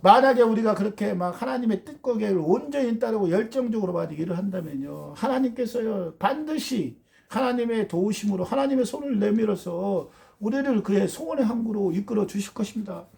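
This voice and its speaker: Preacher, fervent sermon delivery, gravelly edge, mid-range pitch, keeps asking the congregation questions. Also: animated, fairly quick, darkish tone. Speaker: pastor.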